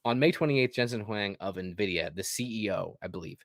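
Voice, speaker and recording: A man with a lowish voice co-hosting a gaming podcast, swearing freely and loosely reading his notes with sardonic asides. The sound is dry and close on the mic. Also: a little fast, a bit bright, no echo. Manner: profane, sardonic, reads script loosely. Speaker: podcast co-host. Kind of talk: casual gaming podcast chat.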